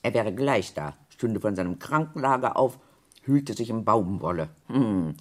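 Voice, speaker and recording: A woman's voice: rumbling low, expressive, measured pace, heavily acted. An actress playing Rosalie, a dreamy woman who invents whole worlds, in a surreal radio play, musing and half-absent.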